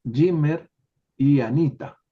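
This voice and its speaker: A man leading an online study group, explaining a text in an unhurried way with many tag questions, over a video call. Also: a little high. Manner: unhurried, adds filler tags and restarts. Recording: dull lo-fi call audio.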